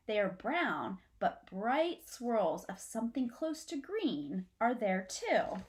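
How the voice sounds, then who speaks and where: Reading a children's storybook aloud in a small furnished room at home, a middle-aged woman sounds like a teacher performing for young listeners. Her voice is fairly high with big pitch swings, and her pace is slow.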